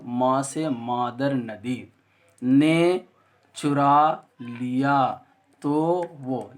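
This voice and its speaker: A man teaching an exam-prep lesson, telling a memory story and drilling each syllable slowly. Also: mid-range voice.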